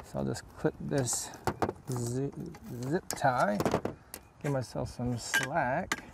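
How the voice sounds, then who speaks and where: Slow and gravelly at a medium pitch, a man narrates a vehicle repair on his DIY vlog, casually talking through the hands-on work in short, plain, off-the-cuff remarks. The recording is very noisy.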